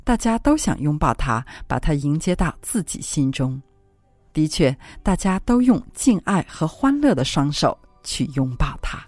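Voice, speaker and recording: A low-voiced woman reads devotional prose with solemn, expressive phrasing. Her intonation swings widely from line to line. The recording is dry and close, with faint music playing softly behind her. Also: normal speed, dry recording. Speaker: audiobook reader. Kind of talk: reading a religious classic aloud.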